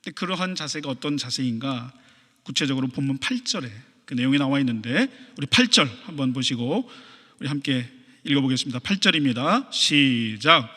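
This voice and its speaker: A man's voice: mid-range voice, expressive, fairly quick, bright, forceful tone. A male pastor preaching a sermon in a church and putting rhetorical questions to the congregation. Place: church sanctuary. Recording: long church reverb.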